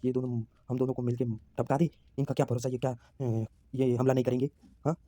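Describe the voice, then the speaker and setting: A man voicing a wary young man who suspects strangers and scolds his friend in a hushed aside. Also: mid-range voice, little pitch movement, a little fast, no room sound, close to an everyday voice. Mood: suspicious. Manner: suspicious, scolding.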